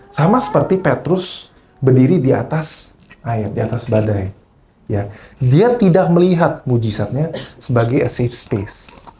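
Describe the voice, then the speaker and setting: A man's voice: medium pitch, a little hiss or hum. A man preaching a sermon at a church service, switching into English phrases and often checking in with the congregation as he tells stories. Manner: animated storyteller.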